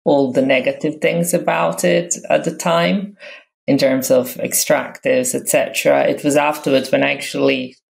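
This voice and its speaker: A Croatian woman in her fifties, English being a later language for her, talks over her background as a podcast guest in casual interview talk. Her voice is very low for a woman, darkish and with vocal fry, her intonation fairly even and her speed normal. She's reflective, pausing often with fillers and restarting.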